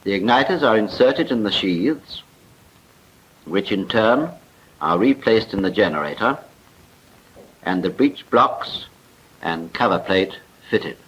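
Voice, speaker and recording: Heard on a muffled, noisy 1940s film soundtrack, a British man reads scripted, precise narration like that of a wartime military training film, recorded as a voice-over. He is on the low side, slightly bright with a breathy edge, and his delivery is slow and lively in intonation, with long pauses.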